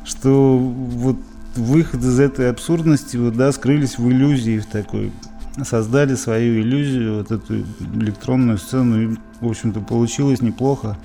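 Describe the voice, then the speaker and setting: A man's voice: mid-range voice, fairly even intonation, moderate pace, dark tone, soft background music. A man from Izhevsk, Russia, a musician being interviewed, talking in a rambling way with many fillers and restarts. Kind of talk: casual interview reminiscing.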